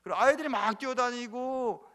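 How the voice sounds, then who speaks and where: A man's voice: very high voice, brisk, a bit bright. A man pastor preaching a sermon in a church sanctuary, talking emphatically and piling on repeated filler words. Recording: reverberant church hall.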